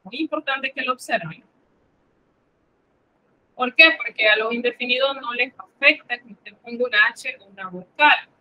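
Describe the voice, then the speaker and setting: A woman's voice: fairly high pitch, normal speed, pauses often, sharp tone, rough recording. A woman teaching a French lesson in Spanish, explaining patiently and repeating examples for her students. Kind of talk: classroom lesson.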